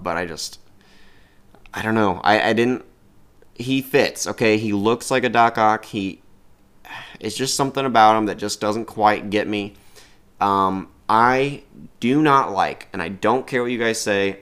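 A man's voice: fairly low pitch, fairly bright tone, clear, resonant tone. A man ranking movies in a casual vlog, talking in an enthusiastic, rambling way and swearing freely. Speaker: movie reviewer.

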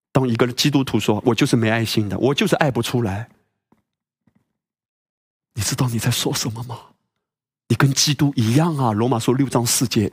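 Husky-voiced male pastor preaching emphatically. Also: mid-range voice. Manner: emphatic, rhetorical questions, frequent exclamations. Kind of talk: sermon.

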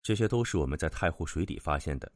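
A man voicing a shrewd young man who speaks in a steady, pointed way. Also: extremely low pitch, fast, dry recording, studio quality. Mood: calm.

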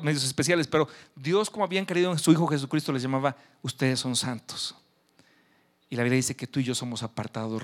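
Encouraging pastor preaching. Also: male voice, mid-range voice. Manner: warm, encouraging, speaks directly to the listener. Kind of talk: sermon.

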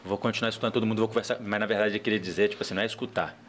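Low-voiced man telling a story, faint hiss. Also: rapid-fire. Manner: animated storytelling, frequent "cara" fillers. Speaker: guest entrepreneur. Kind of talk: casual podcast chat.

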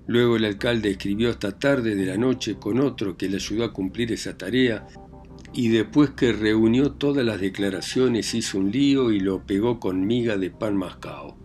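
A man reading a narrative poem aloud in a steady storytelling manner. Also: fairly low pitch, moderate pace, faint music behind. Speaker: reader.

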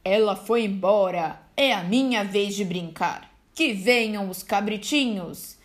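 A woman's voice: medium pitch, moderate pace, voice pushed down, close to an everyday voice. A woman voicing a vain, cheerful male wolf in disguise in a storybook reading, humming and sing-song. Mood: gleeful.

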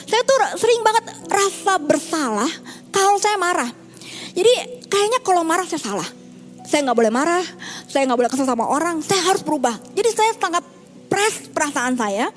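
A woman's voice: very high-pitched, sing-song, moderate pace, soft background music. A middle-aged woman pastor giving a sermon in a candid, conversational way, mixing in English phrases.

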